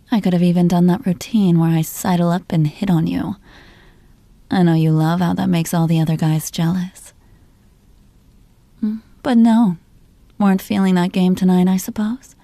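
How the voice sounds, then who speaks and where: A woman playing a jealous, possessive girlfriend in an ASMR role-play, teasing and interrogating her partner in a slow, controlling murmur. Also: on the low side, creaky, dark tone, no echo.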